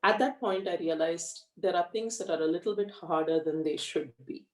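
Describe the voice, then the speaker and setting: A middle-aged woman, speaking as an interview guest in a frank, measured way with many fillers. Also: on the low side. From India, raised in Australia. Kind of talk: conversational interview. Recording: echoey room, far from the mic.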